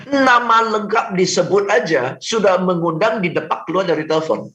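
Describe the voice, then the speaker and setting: A man coaching on a radio talk show, animated, acting out sample phone calls and often asking for agreement. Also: sits high, normal speed. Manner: animated, acts out phone calls, frequent "betul kan?". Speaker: sales trainer guest. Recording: roomy, dull lo-fi radio audio.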